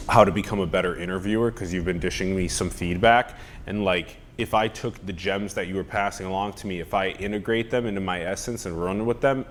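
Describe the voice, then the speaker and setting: A male podcast host with a very low voice. He speaks loosely and casually, circling back and restarting his phrases. A faint ambient hum runs underneath. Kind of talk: casual interview conversation.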